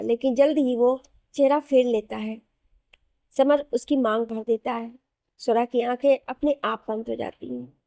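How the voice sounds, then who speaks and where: A woman storyteller reads a dramatic story in a steady, scripted way. Her voice sits fairly high, with a warm, mellow tone. The recording is dry and close. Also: dry recording.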